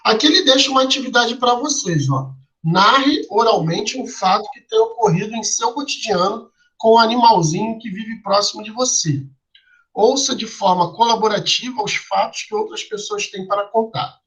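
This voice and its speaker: High-voiced man teaching a class. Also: moderate pace, a bit bright, rough recording. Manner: explains step by step, asks the class questions; tags lines with "né?" and "tá?". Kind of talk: online class lesson.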